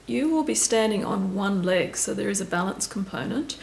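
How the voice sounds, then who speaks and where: A woman stretching instructor giving calm, step-by-step cues and counting down holds. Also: mid-range voice, normal speed, creaky, echoey room, slight background noise, rough recording. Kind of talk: guided exercise instruction.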